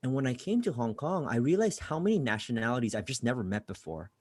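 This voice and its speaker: A man from Bangladesh who grew up in California, chatting casually as a podcast guest. He speaks at a mid pitch, stumbles and repeats words as he gets going, and the recording is close and dry. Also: expressive, fast talker, a little mellow, husky, no room sound. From Bangladesh, raised in California. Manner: casual, repeats words when starting sentences. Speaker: guest, career coach. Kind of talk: conversational podcast interview.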